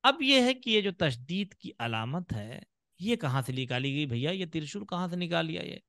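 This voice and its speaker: Male online teacher, rather high voice, slow and patient, dry sound. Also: very animated, fairly bright tone, dry recording. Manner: patient, drawn-out demonstrations of sounds. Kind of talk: online class teaching Quran reading. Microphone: video call.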